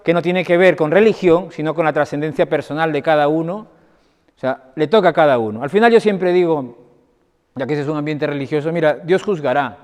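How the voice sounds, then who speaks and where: Higher-voiced man lecturing in a reverberant hall. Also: brisk, darkish tone. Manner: conversational, anecdotal, often asks the audience for agreement. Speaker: doctor giving a lecture. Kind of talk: conference talk to an audience. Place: parish hall.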